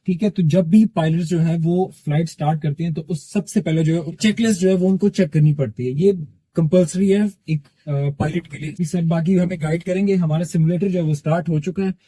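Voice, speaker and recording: A man's voice: a little high, steady tone, brisk, warm tone, husky, no room sound. A man with a Pakistani accent hosting a vlog, addressing viewers casually and using lots of fillers. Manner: addresses viewers as guys, uses filler "jo hai". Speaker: vlog host.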